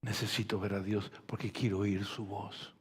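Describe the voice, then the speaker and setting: A man with a Rioplatense accent, a pastor preaching a sermon, moving from soft gentle speech to loud fervent preaching. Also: lowish voice, level tone, normal speed, slightly rough. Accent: Rioplatense Spanish. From Argentina. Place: church hall. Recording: long hall reverb.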